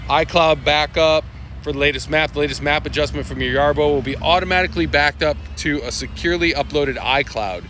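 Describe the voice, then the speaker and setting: A man livestreams a casual walkthrough of product updates in a fairly high, fairly bright voice at a brisk pace, with slight background noise. His talk is loose and rambling, packed with fillers, restarts and asides.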